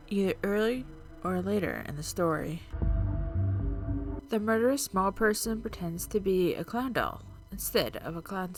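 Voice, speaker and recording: A video host with a medium-pitched voice narrates scripted true-crime and urban legend stories in a measured, dramatic storytelling style. Music plays in the background.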